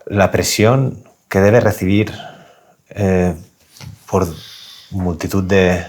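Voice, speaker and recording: A man's voice: deep voice, fairly even intonation, slow pace, a little mellow. A man hosting a podcast interview, framing his questions with hesitations and fillers. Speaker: podcast host.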